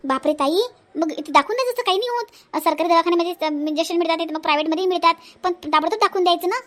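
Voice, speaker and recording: A woman's voice: very high-pitched, rapid-fire, fairly bright tone. Lady doing a fussy old cartoon granny, scolds and gossips nonstop. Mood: scolding. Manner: scolding, chatty rural speech. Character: older village grandmother, fussy and talkative.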